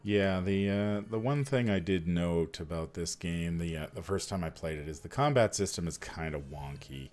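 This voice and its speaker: A man with a low voice talks casually while playing a video game. He comments as he goes, with music clearly heard behind him. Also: moderate pace, hardly any pauses, darkish tone. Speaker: gamer.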